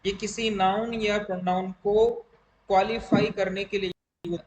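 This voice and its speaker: A male English teacher, running an online class and slowly explaining grammar with examples. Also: high voice, level tone, darkish tone. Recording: echoey room with faint noise.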